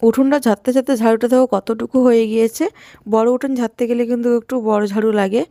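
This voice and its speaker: A woman's voice: a little high, steady tone, rapid-fire, mellow, dry recording, studio quality. A young woman with a Bengali accent, narrating a casual village vlog while she does housework. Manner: chatty, talks to viewers while doing housework. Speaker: village vlogger.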